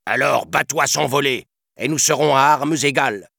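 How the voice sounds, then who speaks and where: A man's voice: on the low side, normal speed, slightly rough, no room sound, clean studio sound, voice pushed up. A man voicing a sly, vengeful pirate captain in a storybook reading, honeyed and scheming, then gloating. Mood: angry.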